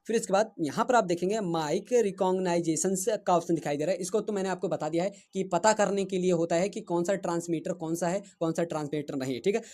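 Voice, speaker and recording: A man with a noticeably high voice explains a wireless microphone app setting by setting. He speaks casually into a clip-on mic indoors, pausing to confirm each step with his viewers. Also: a little mellow. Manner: explains step by step, often checks with "thik hai". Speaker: tech reviewer. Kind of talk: casual tutorial walkthrough. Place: indoors, in front of a running fan. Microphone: wireless lapel mic.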